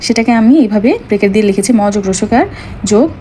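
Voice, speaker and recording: A woman with a Bangladeshi Bengali accent, teaching a primary school lesson and patiently explaining each step, slowing down to spell out words. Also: mid-range voice, steady tone, mellow, slight background noise.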